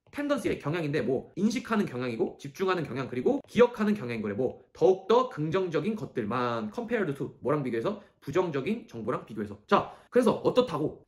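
A man teaching English reading, walking through a passage and often checking whether students follow. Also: high voice. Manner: quick, emphatic, keeps checking understanding with "okay?"; asks and answers his own questions. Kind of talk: lecture explaining an English passage.

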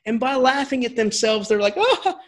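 Speaking unhurriedly in a voice that sits high, a man delivers an English lecture in a loose, animated style. He keeps restarting sentences and laughs quietly through his asides.

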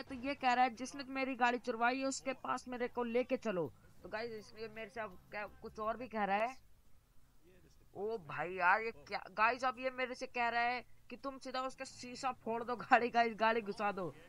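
A man's voice: sits high, rough recording. A young man giving casual, chatty gameplay commentary, often calling out to his viewers. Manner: chatty, says "guys" constantly, excitable. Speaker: gaming YouTuber.

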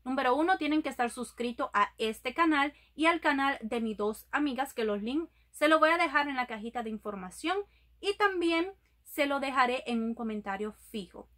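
A woman's voice: high voice, animated, normal speed, fairly bright tone. A young woman vlogger announcing a giveaway to her viewers in a casual, affectionate way, filmed close up indoors. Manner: affectionate, addresses viewers as "my loves". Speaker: YouTube vlogger. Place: indoors in front of a green sequin backdrop.

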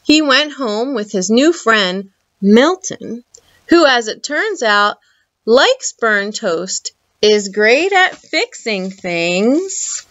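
A woman reads a children's picture book aloud at an unhurried pace, her fairly high voice rising and falling with lively expression. The sound is dull and muffled, as from a lo-fi home recording. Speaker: library storytime reader. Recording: muffled lo-fi audio.

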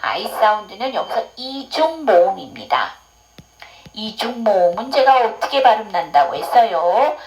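Lively woman teaching English phonics. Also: mid-range voice, unhurried, poor audio. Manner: explains patiently, asks the class questions. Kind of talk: online English phonics lesson.

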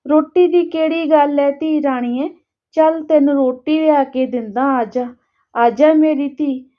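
A grieving village man, tender and tearful, coaxing gently, as a woman narrator voices him. The voice is high and unhurried. The recording sounds dull and lo-fi. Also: fairly even intonation.

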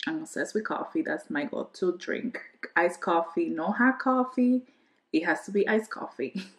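Animated and at a moderate pace, a Dominican woman in her twenties, a native Spanish speaker, talks to camera as a beauty vlogger from her bedroom. Her voice sits fairly low and carries a Dominican accent, and her casual, rambling answers come with hand gestures and trailing restarts in a roomy-sounding space.

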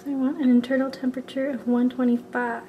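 A woman with a high, level voice talks fast while cooking at home, chatting casually to herself and her kids and sometimes dropping to a whisper, like a relaxed cooking vlog. The audio is dull, and loud kitchen noise and sizzling food fill the background.

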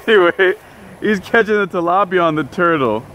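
A young man hosting a fishing vlog outdoors by a pond, chatting and laughing, yelling when fish bite. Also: high-pitched, animated, moderate pace, a little hiss or hum. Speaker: fishing channel host. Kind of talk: excited outdoor vlog chat.

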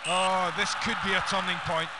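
A man voicing a football video game commentator, delivering brief, measured stock commentary phrases. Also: sits high, level tone, crowd noise, noisy background, natural voice. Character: male English-speaking match commentator, measured and neutral.

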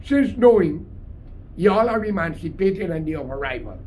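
A man in his sixties with a Guyanese accent delivers a combative, emphatic, unscripted political monologue to camera as a commentator. His voice is a little high and a little mellow, sing-song at a moderate pace, recorded in a small cluttered room with clear background room noise.

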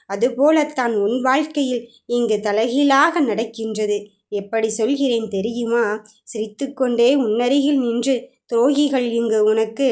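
A loving divine father, Murugan in a devotional message, tender and reassuring, spoken by a woman. The voice sits a little high. The delivery is emphatic yet gentle, full of comfort. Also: close to an everyday voice. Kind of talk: devotional first-person message.

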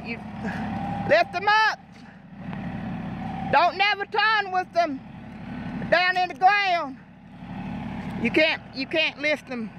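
A young man talks in a folksy, rambling way. His voice sits high and his pace is slow and easy. He records on his phone outdoors in a farm field, with a tractor engine loud behind him. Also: noisy background. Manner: rambling, folksy, loose grammar. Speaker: farm vlogger. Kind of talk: casual farm vlog. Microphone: phone camera.

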